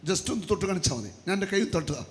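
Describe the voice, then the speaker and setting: A man's voice: high voice, animated, very fast. A man leading a charismatic healing service from the altar, giving commands and repeating prayer lines in a chant. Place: church retreat hall at the altar. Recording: echoey hall with faint noise.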